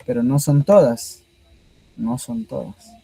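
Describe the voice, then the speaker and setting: A male teacher walks through a grammar lesson. His voice is mellow and slightly husky, and he explains patiently, sprinkling quick checks to see whether his listeners are following. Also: mid-range voice, dry recording, rough recording.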